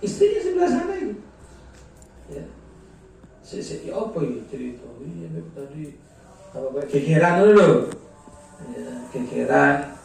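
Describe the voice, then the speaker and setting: An East Javanese religious teacher with a lively, swooping voice and a fairly high pitch. He talks chattily, drops in regional phrases and acts out domestic squabbles. The recording is heavily echoey and distant, with faint room noise behind. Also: normal speed, gravelly, long pauses, faint music behind. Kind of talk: informal religious lesson with humor. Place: gathering hall.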